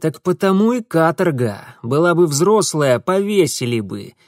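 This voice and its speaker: A young gentleman with a curt, barking delivery, as a narrator puts him on. The voice sits fairly high for a man, with lively pitch, recorded close and dry. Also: moderate pace, dry recording. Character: young gentleman, gruff and blunt.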